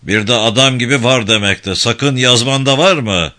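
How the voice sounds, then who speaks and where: A man voicing a gruff, bullying young student. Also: medium pitch, normal speed, pushed and bright, natural voice. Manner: gruff, barking and scolding. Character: bullying young male senior student, coarse and threatening. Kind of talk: audiobook character voice.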